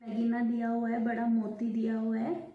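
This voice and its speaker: Woman, high voice, slow step-by-step demonstration vlog, echoey indoor room. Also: completely flat delivery, narrow, tinny audio. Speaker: vlogger.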